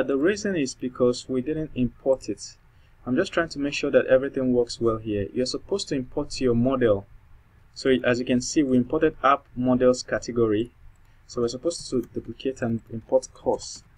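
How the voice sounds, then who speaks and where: A man with a medium-pitched voice, heard on a rough recording, thinks out loud through a screen-recorded coding tutorial. As a programming tutor whose first language isn't English, he speaks with a non-native accent and fills his talk with fillers and restarts.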